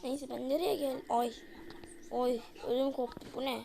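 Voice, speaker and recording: High-voiced woman jumpily playing a horror game. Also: steady tone, normal speed, gravelly, dark tone. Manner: jumpy, cries out when startled, keeps addressing viewers. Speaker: gaming channel host. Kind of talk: horror game let's play commentary.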